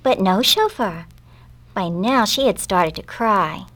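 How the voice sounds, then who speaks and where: A woman reads a children's story aloud in an expressive, gentle voice. Her voice sits at a middle pitch. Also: slow.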